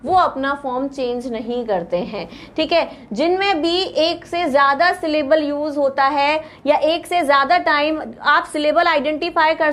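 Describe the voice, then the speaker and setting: A woman with an Indian accent teaches grammar in a high, light voice. She is patient, spells out word lists one at a time and repeats them for her students. Faint sounds of writing on a board come through behind her. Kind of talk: classroom lecture explaining grammar.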